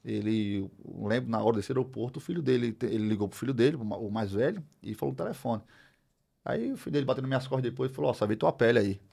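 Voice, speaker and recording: A middle-aged Brazilian man telling a personal story as a podcast guest, animated, acting out the dialogue as he goes. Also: medium pitch, fast talker, creaky. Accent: Brazilian Portuguese. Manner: animated, acts out dialogue, many fillers. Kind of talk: storytelling in a casual interview.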